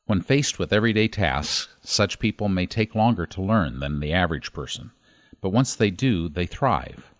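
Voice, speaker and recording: A man hosting a podcast, narrating a story in a measured, scripted delivery. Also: deep voice, lively intonation, dry recording, studio quality. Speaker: podcast host.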